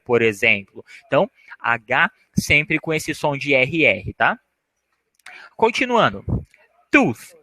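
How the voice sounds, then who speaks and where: A man teaching English vocabulary, slowly saying each word, then its meaning, and repeating it. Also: a little high, bright, forceful tone, no room sound, low-quality recording. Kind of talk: language lesson for Portuguese speakers.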